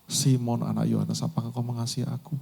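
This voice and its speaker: A man voicing a patient teacher figure who asks gentle questions in a retold story. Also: mid-range voice, flat delivery, fast, vocal fry, slightly rough. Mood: gentle questioning.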